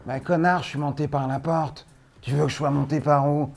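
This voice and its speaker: A man's voice: a little high, little pitch movement, fairly quick, vocal fry. A man improvising as a rude old homeless man on a bus, crude and insulting. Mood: gruff. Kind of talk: live improvisation.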